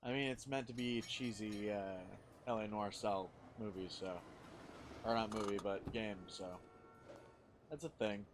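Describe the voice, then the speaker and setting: A man giving casual, low-key commentary as he streams a game. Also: steady tone, a little slow, soft background music.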